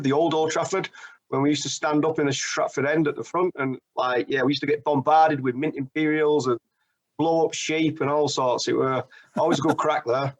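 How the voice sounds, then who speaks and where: A man from Rochdale tells stories in a loose, chatty way, dropping northern slang as he goes. His voice sits a touch higher than the average man's. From England, Rochdale. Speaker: caller, football fan. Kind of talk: casual chat.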